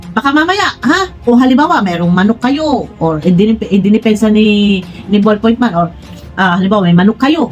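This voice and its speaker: This slightly high voice with a darkish tone belongs to a vlogger who comments on online personalities. Talking directly to her viewers in a casual style, she's blunt and frank, claims to be direct to the point, and rambles with plenty of restarts.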